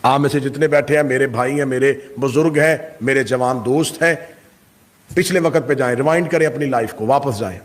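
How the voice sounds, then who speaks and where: A middle-aged man preaching a sermon to a gathering, impassioned and full of rhetorical questions. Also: mid-range voice. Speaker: Shia cleric giving a majlis.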